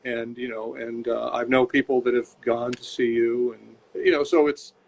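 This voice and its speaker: Speaking from his home workshop over a video call, an older bootmaker and shop owner gives a casual, rambling interview, often repeating words and starting sentences over. His gravelly mid-range voice stays level at a moderate pace, and the low-quality recording carries slight background noise.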